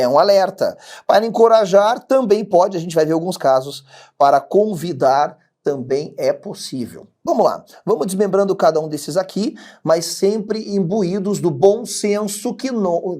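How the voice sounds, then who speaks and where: A Brazilian man with a Brazilian Portuguese accent, giving a chatty, lively video lesson as an English teacher and speaking straight to the viewer. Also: high-pitched. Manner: chatty, lively, calls the viewer "cara" and "criatura".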